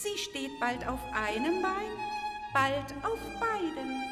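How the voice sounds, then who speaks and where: A woman voicing a vain, self-admiring narcissus flower in a storybook reading, speaking high and drawn out. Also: big pitch swings, slow pace, full character voice. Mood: vain, dreamy. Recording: reverberant with violin music behind.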